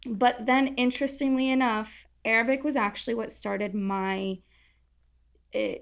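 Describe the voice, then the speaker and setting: This young adult woman from Orange County, Southern California, is a content creator appearing as a podcast guest in a roundtable talk. Her voice is fairly high, gravelly yet clean, with a steady tone and an unhurried pace. She chats casually and pokes fun at herself.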